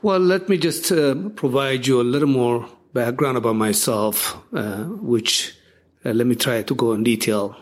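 An older man speaks as an interview guest in a medium pitch. He tells his story reflectively, pausing often and searching for words. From Ethiopia. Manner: reflective, halting with fillers.

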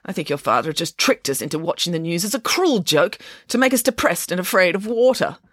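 A woman's voice: on the low side, expressive, fairly quick, fairly bright tone, dry recording, clean studio sound. A woman voicing a bossy, indignant female pig nanny in a children's storybook, with dramatic, emphatic declarations. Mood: scornful.

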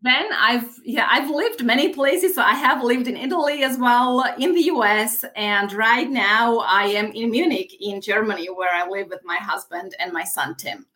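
A woman's voice: fairly high pitch, moderate pace, hardly any pauses, bright, forceful tone. A woman in her thirties from Bosnia, a career coach answering interview questions in a friendly way with hesitant restarts.

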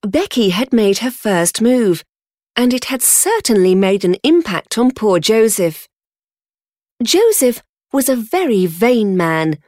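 A woman narrating a storybook in a measured, expressive reading. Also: on the high side, no echo, clean studio sound.

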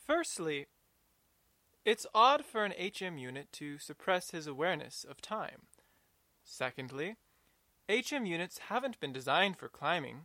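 A woman voicing a polite, earnest young male robot student who speaks in a calm, plain way with a faint hesitancy. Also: fairly low pitch, a little slow, no room sound, voice pushed down, exaggerated voice.

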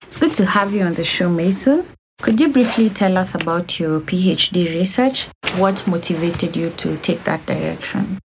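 Slightly low-voiced woman host. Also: moderate pace, background noise. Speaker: show host. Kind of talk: hosting an interview.

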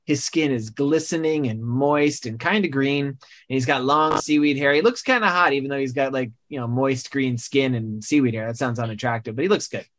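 A man's voice: mid-range voice, a little fast, fairly bright tone. A male podcast host improvising a comic story, rambling and correcting himself as he goes. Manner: rambling, self-correcting, laughing at own jokes.

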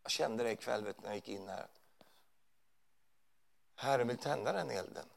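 Here a man with a creaky, medium-pitched voice delivers a sermon in a church hall. He keeps it conversational, often tossing tag questions to his listeners to check they're with him.

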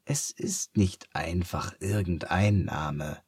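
A man voicing an old female sea captain, a gruff grandmother, speaking low and slow with a soft, husky voice. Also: lively intonation, no echo, clean studio sound, heavily acted. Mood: tender.

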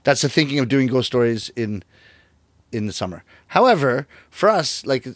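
A man's voice: mid-range voice, normal speed, no room sound. A middle-aged man, a rakugo storyteller, talking in a casual interview and acting out the voices of people in his stories. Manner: animated storyteller, acts out quoted voices.

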